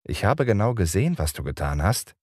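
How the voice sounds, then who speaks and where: A man's voice: on the low side, big pitch swings, fairly quick, darkish tone, dry recording, clean studio sound, voice pushed up. A man voicing Peter, a cocky, bossy boy, in a raised boyish voice in an audiobook. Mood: scolding.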